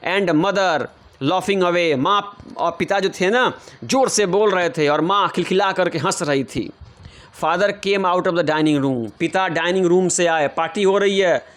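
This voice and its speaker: A male English teacher explaining a story line by line in Hindi, often speaking directly to the children. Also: high voice. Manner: translates line by line, addresses children.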